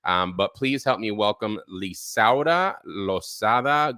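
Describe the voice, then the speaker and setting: A man's voice: fairly low pitch, takes it slowly, dry recording. A man hosting a live-streamed interview show about therapy, talking loosely with lots of ums and uhs. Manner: relaxed, filler-heavy talk with frequent ums. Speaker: podcast host.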